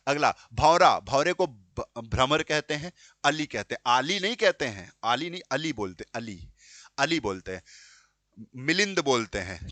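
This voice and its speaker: Man, teacher, exam-prep lecture, quizzes and answers himself, repeats key terms, tense bright tone, dry sound. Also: a little high, no room sound. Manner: addresses students as bachche and beta. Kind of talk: classroom lecture.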